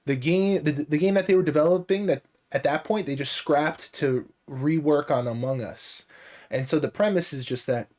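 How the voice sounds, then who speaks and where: A man's voice: on the high side, normal speed, a little mellow. A man co-hosting a casual podcast, talking at length with many restarts and fillers. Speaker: podcast co-host. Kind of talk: casual chat.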